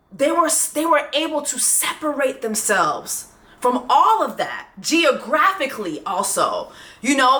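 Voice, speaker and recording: A female vlogger with a medium-pitched, sharp voice goes on a profane, heated rant mocking a docuseries. The recording has the echo of a reverberant room.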